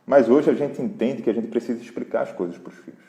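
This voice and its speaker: A man with a Brazilian accent, hosting a live parenting Q&A in a relaxed, conversational way and talking straight to his viewers. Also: medium pitch, quick pace. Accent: Brazilian Portuguese. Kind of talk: casual live Q&A talk. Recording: roomy hall echo.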